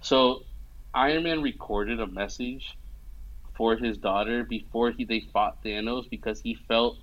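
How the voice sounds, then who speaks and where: Through a muffled recording, a young man recaps a movie scene by scene in relaxed chat. His mid-range voice keeps a measured pace, and his storytelling is animated, packed with fillers and "you know what I mean" check-ins.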